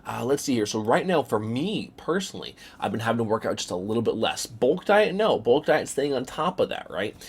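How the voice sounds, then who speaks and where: A man's voice: medium pitch, big pitch swings, brisk, hardly any pauses, husky. A young man talking casually in a vlog, rambling and repeating words with many fillers. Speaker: vlogger.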